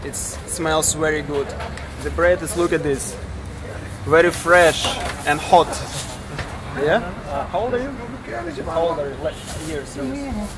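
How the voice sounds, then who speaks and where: A man's voice: a little high, measured pace, pauses often, crowd noise, low-quality recording. Upbeat man vlogging at night. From Ukraine. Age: 20s. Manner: friendly, simple phrases, upbeat. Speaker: travel vlogger. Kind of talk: casual on-camera chat. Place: outdoors on a city street at night. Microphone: camera held at arm's length.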